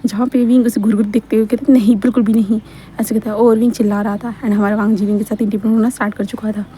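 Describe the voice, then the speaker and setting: A woman's voice: medium pitch, little pitch movement, rapid-fire, dark tone, a little hiss or hum. A woman narrating a fan-fiction story in a casual, chatty way, with many fillers. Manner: chatty, fillers and mixed-in English words.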